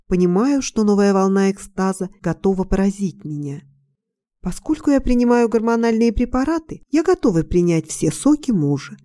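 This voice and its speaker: Woman narrator, mellow warm tone, calm intimate story reading. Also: medium pitch, no room sound, clean studio sound. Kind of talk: scripted first-person story narration.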